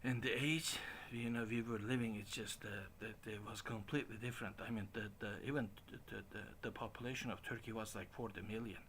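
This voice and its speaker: A man in his late forties talking casually in a halting way, with frequent restarts and chuckles. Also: fairly low pitch, fairly even intonation, a bit bright, a little hiss or hum. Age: 40s. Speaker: stream host. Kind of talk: casual rambling monologue.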